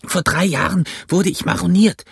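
A man voicing a ragged, marooned old sailor in a storybook reading, with a hoarse, croaky, pleading voice. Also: high-pitched, fairly even intonation, moderate pace, fairly bright tone, dry recording, studio quality, voice pushed up, exaggerated voice. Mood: wheedling. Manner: raised, pleading and wheedling.

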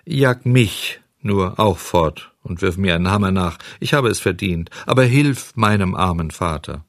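Man voices puppet boy, storybook: higher than his own voice, lively, earnest. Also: unhurried, no echo, clean studio sound. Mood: contrite. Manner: raised, pleading boyish tone. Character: puppet boy, cheeky but repentant. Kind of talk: audiobook character voice.

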